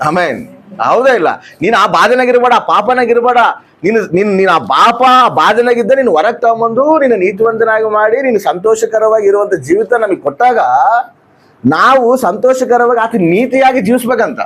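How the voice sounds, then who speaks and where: A man's voice: high-pitched, normal speed, fairly bright tone. A man. He repeats his phrases and drives the point home with question after question, then answers them himself. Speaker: pastor. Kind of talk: sermon.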